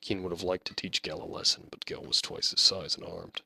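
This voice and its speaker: Gravelly male audiobook narrator. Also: deep voice, little pitch movement, a little fast, bright, forceful tone, no echo. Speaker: author narrating his own audiobook.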